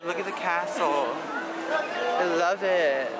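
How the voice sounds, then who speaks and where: A woman in her twenties chatting excitedly and swearing casually as she vlogs a theme park trip. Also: on the low side, slow. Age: 20s. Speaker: vlogger. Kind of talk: casual vlog chat. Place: busy outdoor theme park. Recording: loud crowd noise outdoors. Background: loud crowd and noise.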